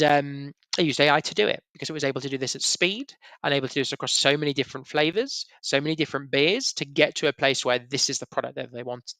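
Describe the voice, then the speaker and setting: Bright-voiced man presenting. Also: mid-range voice, creaky, no echo. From Yorkshire, England. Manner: chatty, many fillers and restarts. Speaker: webinar presenter. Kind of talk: casual presentation.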